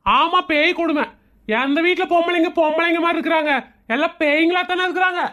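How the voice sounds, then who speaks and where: A man's voice: very high-pitched, a little fast, pushed and bright. A man playing an exasperated, sarcastic husband in a comedy skit, arguing and mocking with a Kongu Tamil accent. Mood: indignant sarcasm. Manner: argumentative, mocking, complaining. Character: exasperated, sarcastic husband who mocks everyone around him.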